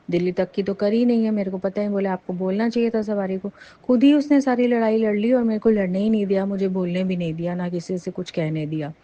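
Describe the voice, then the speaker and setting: A woman's voice: mid-range voice, dull audio. Earnest woman telling a devotional story. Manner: earnest, animated retelling with frequent fillers. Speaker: devotee sharing a testimony. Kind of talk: casual personal storytelling.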